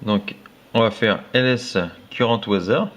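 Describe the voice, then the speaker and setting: A man, a tech blogger, walking viewers through phone themes in a casual, halting way full of fillers. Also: fairly low pitch, steady tone, a bit bright. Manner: halting, filler-heavy, friendly. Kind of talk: casual screen-recorded walkthrough. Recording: dull lo-fi recording.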